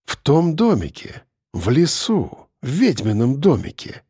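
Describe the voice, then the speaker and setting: A man voicing a menacing male cannibal captor who speaks quietly, slowly and coldly. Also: medium pitch, wildly swooping pitch, husky, dry recording, studio quality, exaggerated voice. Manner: quiet, slow and icy. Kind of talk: audiobook character voice.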